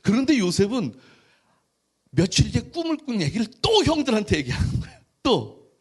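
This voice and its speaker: Animated male pastor, lively preaching voice. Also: high voice, normal speed, husky. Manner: animated storytelling with rhetorical questions. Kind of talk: sermon.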